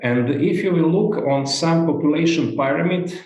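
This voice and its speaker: A man from Croatia with a Croatian accent, English not his first language, giving a conference presentation in a halting way with many fillers. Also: on the high side, darkish tone, echoey room, low-quality recording. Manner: halting, non-native phrasing with many fillers. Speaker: data analytics director. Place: virtual event recording.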